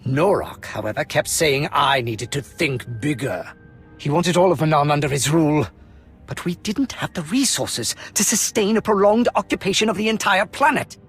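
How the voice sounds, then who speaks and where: A man acting as a proud, idealistic Imperial colonel in a video game makes an impassioned, defensive speech in his own defence, formal and earnest in manner. He uses an exaggerated voice that is a little high, expressive and fairly bright with a breathy edge, at normal speed and with faint music behind.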